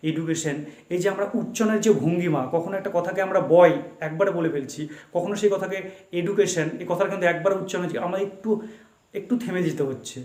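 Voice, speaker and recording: A male teacher giving a lesson. He talks slowly, repeats himself and spells words out letter by letter. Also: high voice, darkish tone, echoey room. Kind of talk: explaining English basics in Bengali.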